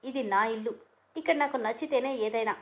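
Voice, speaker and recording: A woman's voice: a little high, brisk, close to an everyday voice. A woman reading as a stubborn, sulky young woman. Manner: defiant, sulky.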